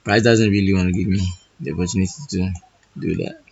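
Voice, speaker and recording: Hoarse, husky man, lowish register, thinking-aloud tutorial delivery full of restarts, dull lo-fi recording. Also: fairly even intonation, a little mellow. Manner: halting, restarts phrases often. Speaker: trading educator. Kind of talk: thinking-aloud chart walkthrough.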